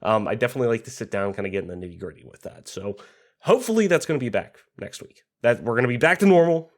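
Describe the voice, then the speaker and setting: Animated and fast, a male gaming podcast host chats casually in a medium-pitched voice roughened a bit by a cold, rambling loosely and sprinkling in many fillers and swear words.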